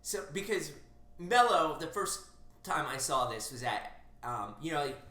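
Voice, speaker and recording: A man co-hosting a comedy podcast in casual chat, halting and full of fillers like "like" and "yeah". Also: a little high, very animated, sharp tone, echoey room. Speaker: podcast co-host.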